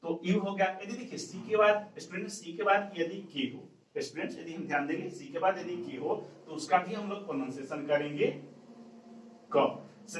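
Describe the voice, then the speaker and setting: A man with a somewhat high voice leads a classroom lesson on pronunciation. He repeats each rule, asks the students what it is, and then answers himself. His voice sounds distant and bounces around an echoey room. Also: a little hiss or hum. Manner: repetitive question-and-answer drilling. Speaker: English pronunciation teacher.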